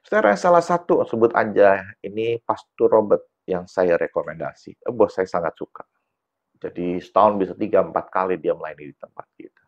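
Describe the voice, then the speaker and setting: A male pastor preaching a sermon with a gravelly, low voice. He tells a story and keeps turning to the congregation. The church recording sounds dull and lo-fi. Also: expressive, brisk. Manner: tells a story, often calls the congregation "saudara". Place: church service.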